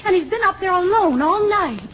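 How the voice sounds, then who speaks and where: A woman's voice: extremely high pitch, expressive, a little fast. A woman playing a headstrong, earnest young woman in old-time radio comedy style. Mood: worried, determined. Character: headstrong, spirited young woman, publisher's daughter. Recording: dull, faintly noisy vintage radio recording.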